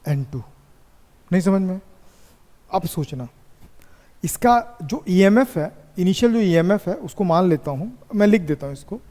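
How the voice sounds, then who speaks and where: A man teaching physics in a classroom, asking students questions and dictating notes slowly. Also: high voice, lively intonation, dark tone. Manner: slow dictation. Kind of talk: classroom lecture. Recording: echoey classroom reverb.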